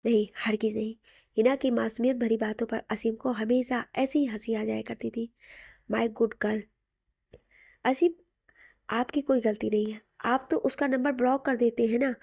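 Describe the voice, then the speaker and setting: A woman's voice: fairly high pitch, warm tone, dry recording, studio quality. A woman narrating a romantic audio story and voicing both lovers in their dialogue.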